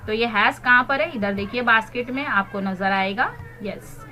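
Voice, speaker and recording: A woman's voice: on the high side, a little slow, bright, forceful tone, soft background music. A woman teaching young children, explaining in Hindi and spelling words out letter by letter. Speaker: primary school English teacher. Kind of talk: recorded online class lesson.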